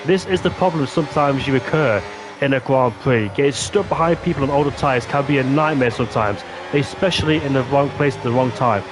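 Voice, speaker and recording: A man giving live commentary on a sim racing league race, getting loud and high during close battles and dropping into apologetic asides. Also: brisk, background noise.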